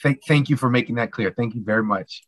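A man's voice: mid-range voice, fast talker, a bit bright, no room sound. Male podcast host with dry, close sound. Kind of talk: interview hosting.

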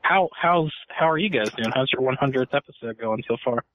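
A man's voice: medium pitch, fairly quick. Man talking over a tinny phone line. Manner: hesitant, stammers and repeats words. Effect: heard over a phone line. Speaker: phoned-in guest. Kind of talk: casual chat.

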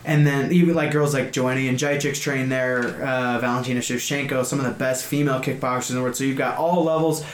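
A twenty-year-old amateur MMA fighter talks quickly and steadily at a medium pitch, barely pausing. In this casual interview he rambles enthusiastically in slangy language, recorded in an echoey room with faint background noise.

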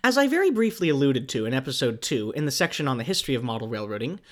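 A young American podcast host talks through listener questions in a casual monologue. The voice sits at a middle pitch and swings up and down a lot. The host slips in wry, self-mocking jokes. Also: very animated, very fast. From United States.

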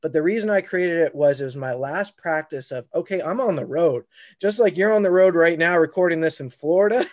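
A man's voice: a little high, fairly quick. A middle-aged man chatting as an interview guest, rambling and laughing often. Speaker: guest, fair performer. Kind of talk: casual interview chat.

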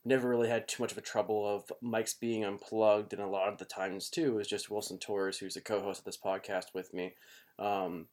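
A man's voice: fairly low pitch, level tone, brisk, darkish tone. A man hosting a podcast, giving a casual, rueful and apologetic spoken intro recorded in a home basement. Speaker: podcast host.

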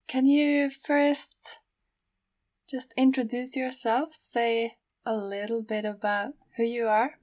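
A woman who teaches cello, hosting a podcast and talking with one of her students in a measured, encouraging way. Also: fairly high pitch, flat delivery, darkish tone, no echo.

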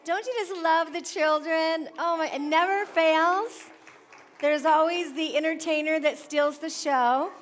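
A woman with a high voice preaches informally in an echoey church sanctuary. She is chatty and exclamatory, often turning to the congregation with questions as she moves between announcements and teaching. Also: steady tone, a little slow, a little hiss or hum.

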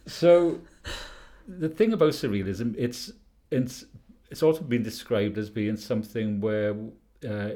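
A Welsh man with a medium-pitched, dark voice interviews a guest, taking things slowly. The conversational exchange is hesitant, with frequent uhs, fillers and restarts.

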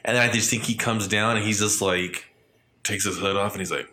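A man in casual chat, excitable and profane, piling on vivid detail. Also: lowish voice, moderate pace, slight background noise.

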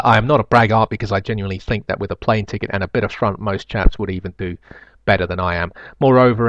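A low-pitched man hosts a casual solo podcast and reads listener emails aloud. He hesitates often, filling gaps with ums and uhs, and drops dry, self-mocking asides. The sound is dry and a little dull, like a close home mic with little room. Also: no echo. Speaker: podcast host.

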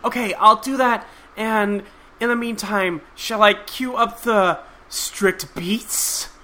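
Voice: mid-range voice, fairly even intonation, slow, bright, forceful tone, voice pushed up. A reader voicing a timid young male troll who talks hesitantly and stammers politely.

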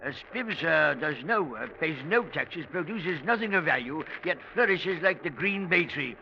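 An actor playing a stuffy, formal older English army captain in a radio drama, pompous and gravelly. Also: male voice, fairly high pitch, animated, moderate pace, pushed and bright, exaggerated voice. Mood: stuffy, disapproving. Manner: pompous, hesitant. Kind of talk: mid-century radio drama acting. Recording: muffled old radio recording, faint noise.

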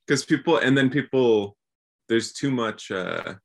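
A man's voice: mid-range voice, lively intonation, slow pace, gravelly. A man co-hosting a podcast in casual chat, joking and poking fun at himself. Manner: joking, self-mocking, acts out little quoted exchanges. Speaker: podcast co-host.

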